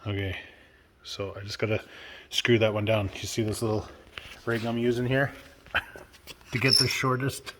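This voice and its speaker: A man's voice: lowish voice, little pitch movement, measured pace, pauses often, a bit bright, a little hiss or hum. Man, stuffy nose, upbeat chatty vlogger, reverberant room. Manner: upbeat and chatty, laughs often. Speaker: vlog host. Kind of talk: casual build vlog narration. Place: workshop house under renovation, indoors.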